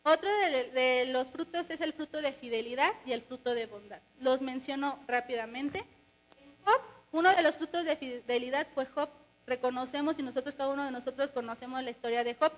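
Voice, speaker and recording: A woman's voice: sits high, fairly quick, low-quality recording. A woman with a Mexican Spanish accent preaching a sermon in an earnest, questioning way, with many fillers and restarts.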